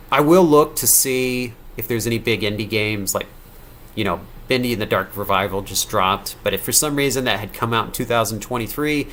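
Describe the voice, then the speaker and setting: A man's voice: mid-range voice, a bit bright. A man in his thirties, a game developer on a casual live-stream Q&A, answering viewer questions late at night, rambling and correcting himself as he goes. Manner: rambling, self-correcting, reads donor questions aloud.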